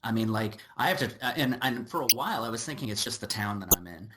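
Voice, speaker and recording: A man's voice: mid-range voice, expressive, fast, heavy background noise. A man hosting a podcast, chatting casually and trailing into fillers and repeated words. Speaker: podcast host.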